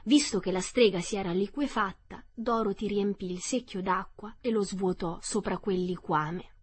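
Husky woman reading a storybook. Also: mid-range voice, no echo. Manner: measured, expressive reading. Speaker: audiobook reader. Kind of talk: storybook narration for radio.

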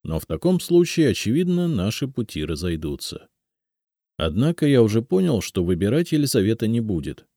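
A man reading a first-person audiobook in a measured storytelling manner. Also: fairly low pitch, sing-song, mellow, no room sound, clean studio sound. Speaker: audiobook narrator. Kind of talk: scripted first-person narration.

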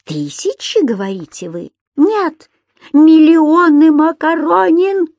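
A woman voicing a stern middle-aged landlady who scolds with shrill outbursts. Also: animated, unhurried, muffled recording. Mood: furious.

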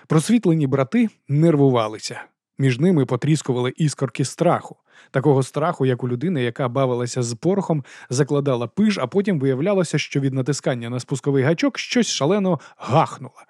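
A man narrating an audiobook in a steady, even reading voice. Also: medium pitch, a little fast, no echo, studio quality. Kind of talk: scripted narration.

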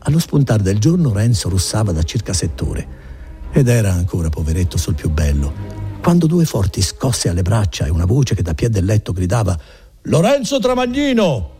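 A man giving an expressive, theatrical audiobook reading of a classic novel, in a husky voice. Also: low-pitched, brisk, soft background music. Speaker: narrator.

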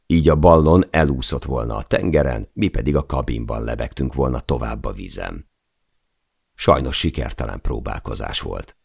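A man reading a first-person adventure audiobook in a measured, steady narration. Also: a bass voice, gravelly, slightly rough.

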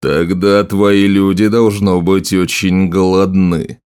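A man voicing a brutal, scarred raider king in an audiobook, gruff and mocking, low and slow. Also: flat delivery, darkish tone, no echo, studio quality.

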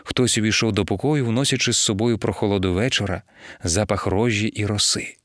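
Here a man narrates an audiobook with a lowish voice, his storytelling measured and expressive. The recording is dry and has a clean studio sound.

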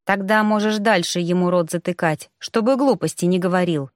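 A woman's voice: lowish voice, normal speed, dry recording, clean studio sound, lightly acted. A woman reading an audiobook, voicing a flustered, complaining male rector trapped in a young woman's body.

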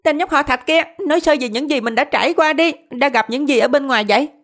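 A man's voice: extremely high pitch, fast talker, fairly bright tone, pitched above the performer's own voice. A man voicing a small, curious rabbit spirit who questions in a cheeky, prying way.

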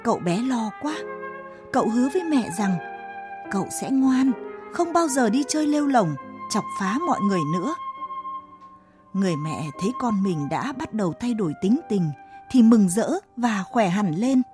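A woman narrating a children's story in a gentle, dramatic way. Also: fairly high pitch, lively intonation, normal speed. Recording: dry close mic, faint music behind.

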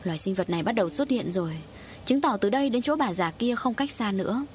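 A woman reads a scripted horror story aloud in a steady, grave storytelling manner. Her voice sits at a middle pitch, with a faint noise floor behind it. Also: fast talker. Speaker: audiobook narrator.

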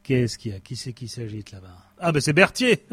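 A man's voice: medium pitch, sing-song, fairly quick, a bit bright, husky. A man playing a cynical male company boss who fires his staff with smug sarcasm, in a stage comedy sketch. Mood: smug, sarcastic. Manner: smug, sarcastic, coldly dismissive.

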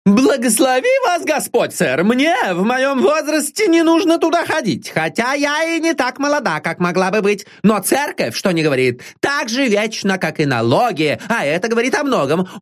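A man's voice: extremely high pitch, very animated, normal speed, few pauses, voice pushed up. A man reading an audiobook and voicing an old female servant who is devoted, blunt and folksy, full of pious exclamations. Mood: scolding.

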